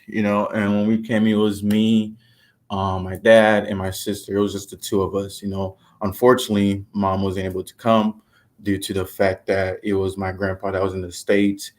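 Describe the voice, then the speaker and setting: A man in his twenties from Haiti, a guest telling his story in a casual interview, relaxed and chuckling, with many fillers. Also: on the low side. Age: 20s.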